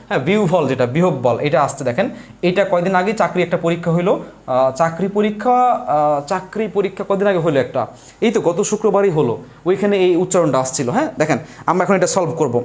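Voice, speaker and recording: A young man giving a live online lesson, explaining step by step while he writes, repeating points and asking questions he answers himself. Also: a little high. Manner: repetitive, asks questions and answers them himself. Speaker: exam prep teacher.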